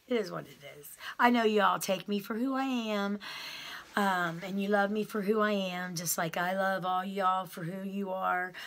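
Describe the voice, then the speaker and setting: Speaking straight to camera, a middle-aged woman shares the story of her prison time in a loose, heartfelt ramble. Her loud, carrying voice sits in the mid range, peppered with "um" and frequent calls to "y'all."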